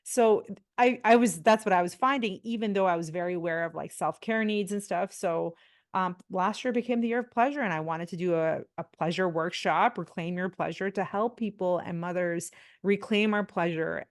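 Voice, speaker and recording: A woman in her forties from India, a pelvic physiotherapist, chats as a podcast guest in casual interview talk. Her pitch is fairly low and her pace moderate, and she uses plenty of fillers and restarts.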